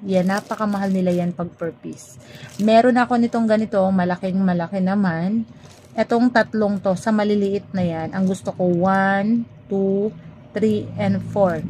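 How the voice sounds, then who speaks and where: A woman's voice: mid-range voice, a little mellow, rough recording. Chatty woman unboxing toys. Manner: chatty, mixes Tagalog and English, addresses viewers as guys. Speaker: toy unboxing vlogger. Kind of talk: casual unboxing chat to viewers. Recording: clear background ambience noise.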